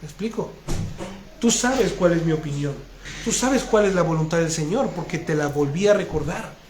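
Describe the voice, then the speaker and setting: A man's voice: a little high, lively intonation, normal speed. A man, telling a heartfelt personal testimony during a sermon. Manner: earnest, heartfelt storytelling with frequent restarts. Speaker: preacher. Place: congregation hall. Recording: echoey room with faint noise.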